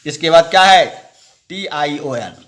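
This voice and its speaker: A man teaching English pronunciation rules, spelling out letters slowly and asking and answering his own questions. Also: a little high, a bit bright. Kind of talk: classroom-style lesson explaining rules.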